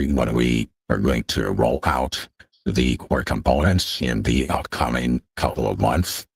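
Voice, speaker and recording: A man speaking as a guest through a voice changer that shifts his voice very deep, talking haltingly with many filler sounds in a casual online interview. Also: husky, no echo. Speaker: guest representing a project.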